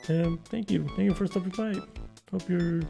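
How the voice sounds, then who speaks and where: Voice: mid-range voice, fairly even intonation, normal speed, vocal fry, mellow. A streamer chatting casually with viewers while playing a game, rambling and hesitant. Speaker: let's play streamer. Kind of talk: casual game commentary and reading dialogue aloud. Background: game music.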